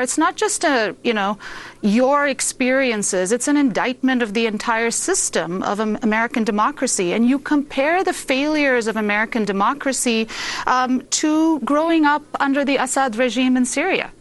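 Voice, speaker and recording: Woman, interviewer, higher voice, measured, composed. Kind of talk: interview questions.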